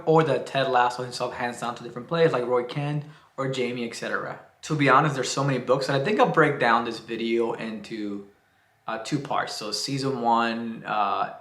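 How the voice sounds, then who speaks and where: A Cuban man with a medium-pitched, fairly bright voice talks casually to the camera as a book vlogger. He's chatty and rambling, full of "uh"s and restarts, and the recording has a roomy echo.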